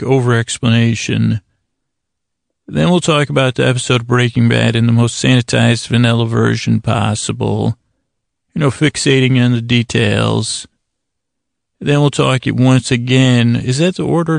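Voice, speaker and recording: A man with a gravelly, medium-pitched voice hosts a bedtime podcast, his rambling monologue full of stammers, halts, and false starts as he strays into silly, self-deprecating tangents. It is studio-quality audio with no room sound.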